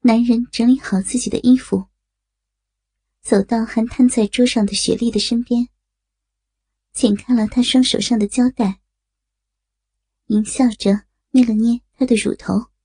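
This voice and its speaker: Brief: woman narrator, slow and breathy, mellow husky tone, dry close sound. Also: on the high side, steady tone, no room sound. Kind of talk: erotic audio story reading.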